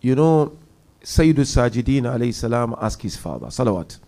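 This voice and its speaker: Gravelly-voiced man giving a mosque lecture. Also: medium pitch, fairly quick. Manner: direct, animated, addresses the audience. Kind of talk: religious lecture to a congregation.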